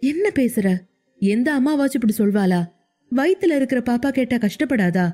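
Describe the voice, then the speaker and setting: A woman's voice: fairly high pitch, lively intonation, moderate pace, dark tone, faint music behind. A woman reading an angry hurt young husband. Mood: angry pleading. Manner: heated, insistent questioning.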